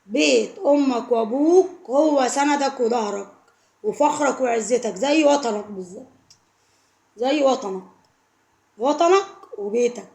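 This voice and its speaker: A woman's voice: on the high side, normal speed, creaky, a little mellow, echoey room. A woman with an Egyptian Arabic accent giving heartfelt, emotional advice to camera, pleading and repeating herself for emphasis. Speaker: vlogger.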